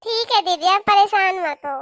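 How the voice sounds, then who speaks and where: A woman voicing a meek, polite young newlywed daughter-in-law in a cartoon, talking softly and respectfully. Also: very high voice, normal speed, no room sound, clean studio sound. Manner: soft, respectful. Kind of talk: cartoon voice acting.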